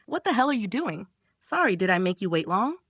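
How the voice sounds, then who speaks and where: A woman's voice: mid-range voice, sing-song, fairly quick, fairly bright tone, slightly rough, no echo. A woman voicing a flustered, caring younger sister who pleads anxiously in a manga recap.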